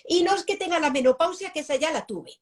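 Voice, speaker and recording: Woman, 50s; expert guest, higher-pitched voice, swoops up and down, repeats herself for emphasis. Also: fast. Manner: animated, repeats phrases, acts out examples. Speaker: guest pedagogue. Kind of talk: live-stream interview answer.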